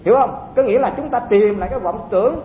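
A high-voiced man gives a chatty dharma talk to a hall of monks and stops to ask them questions. The recording is roomy and echoing. It sounds thin, as over a phone line, with a faint rumble underneath. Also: rapid-fire. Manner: conversational, asks listeners rhetorical questions. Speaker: Buddhist teacher addressing monks.

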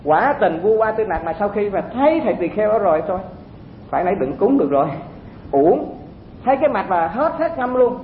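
Man, Buddhist dharma talk to monks, high voice, echoey phone-like recording. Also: sing-song, fairly quick. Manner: conversational, asks listeners rhetorical questions. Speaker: Buddhist teacher addressing monks. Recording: echoey, phone-like sound with faint rumble.

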